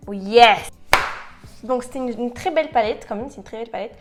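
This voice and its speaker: A young female beauty vlogger talks casually through a makeup tutorial in a high-pitched voice, speaking at a racing pace over music. She slips into English phrases and bursts into playful outbursts.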